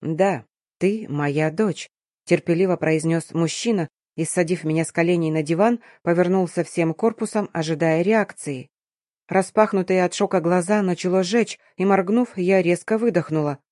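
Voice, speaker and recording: An audiobook narrator reading a first-person story in a measured, even manner. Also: mid-range voice, no room sound, clean studio sound.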